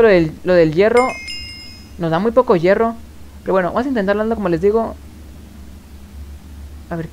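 Fast-talking streamer man, lo-fi. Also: very high-pitched. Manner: rambling, says "banda" constantly as a filler. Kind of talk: casual live-stream chat.

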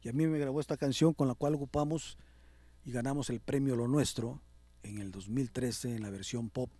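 Husky man recalling his songs. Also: mid-range voice, steady tone, moderate pace, dark tone, no room sound. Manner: reflective, grateful, with frequent "este" fillers. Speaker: songwriter guest. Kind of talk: casual interview conversation.

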